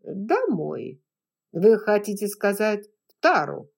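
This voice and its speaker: A woman voicing a bold Southern gentleman who speaks firmly and scolds, then soothes in a hushed voice. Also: mid-range voice, very animated, takes it slowly, creaky, exaggerated voice. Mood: stern.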